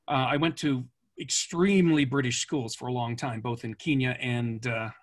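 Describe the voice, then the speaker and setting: A man's voice: medium pitch, fairly even intonation, moderate pace. A man born in France and raised in Canada, an author being interviewed, telling long anecdotes with lots of fillers and restarts. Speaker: author guest. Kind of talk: relaxed storytelling interview.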